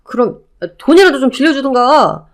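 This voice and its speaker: A woman's voice: sits high, moderate pace, lightly acted. A woman voicing a wheedling, self-pitying ex-husband who begs his former wife to take him back, in a Korean audio drama. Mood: pleading. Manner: pleading, whiny.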